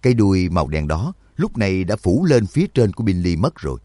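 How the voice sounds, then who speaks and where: A man narrating an audiobook in an expressive, vivid storytelling manner. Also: deep voice, fast talker, no room sound, studio quality.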